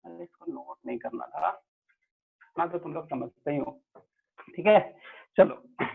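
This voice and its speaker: Guy teaching biology online, mix, kinda high voice, sounds like a phone line, keeps asking the class questions. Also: unhurried, vocal fry, husky. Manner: explains in Hindi-English mix, quizzes students, repeats "ठीक है".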